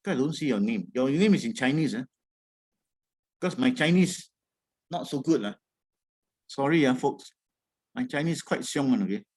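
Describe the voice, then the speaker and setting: A man with a Singaporean accent speaking as a trading coach in an informal webinar, colloquial and encouraging, with frequent tag words. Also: mid-range voice. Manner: colloquial Singlish with tags like "all right" and "lah". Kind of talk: informal webinar presentation with audience questions.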